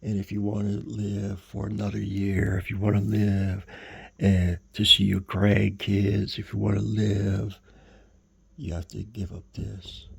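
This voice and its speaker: A man voicing a stern male doctor who lectures a heart patient in slow, loud, emphatic warnings. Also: lowish voice, little pitch movement, gravelly, breathy edge, exaggerated voice.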